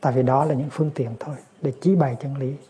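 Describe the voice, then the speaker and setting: A man as a Buddhist teacher giving a dharma talk, explaining calmly. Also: medium pitch, fast talker, breathy edge. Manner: calm explaining, lively storytelling.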